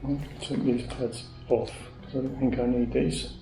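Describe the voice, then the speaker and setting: Faint music plays behind a British motorcycle gear reviewer giving a relaxed, hands-on demo at home. His warm, creaky, medium-pitched voice stays fairly flat at a moderate pace, chatty and matter-of-fact, and the echoey room picks up faint clicks and noise.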